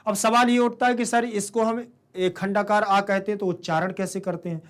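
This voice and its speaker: A man's voice: high-pitched, steady tone, normal speed. A male teacher giving a classroom lecture, who asks his students questions and then answers them himself. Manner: calls listeners "beta".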